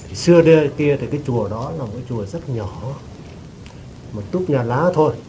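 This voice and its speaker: A man of middle pitch recounting events he says he witnessed, speaking haltingly and clearing his throat often. He addresses a teacher with deference. The recording is noisy, with steady rain in the background. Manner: hesitant and halting, with frequent restarts and throat-clearing. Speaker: devotee giving testimony. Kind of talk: telling a personal story to a teacher.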